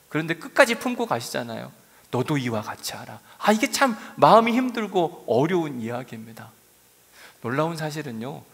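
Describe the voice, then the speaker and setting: A middle-aged male pastor preaching a sermon, telling stories with lively swings between soft asides and raised emphasis. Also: high voice. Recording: long hall reverb.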